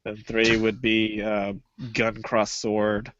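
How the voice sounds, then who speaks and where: A man's voice: on the low side, completely flat delivery, slow pace, fairly bright tone, slight background noise. A young man co-hosting a podcast in casual chat, rambling with lots of fillers and hesitations. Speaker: podcast co-host. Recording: dull lo-fi podcast audio.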